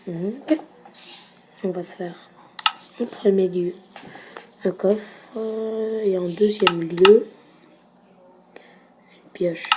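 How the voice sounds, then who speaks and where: A woman giving casual gameplay commentary, hesitant and full of filler pauses. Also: medium pitch, steady tone. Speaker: gamer. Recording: loud background noise, mouse clicks.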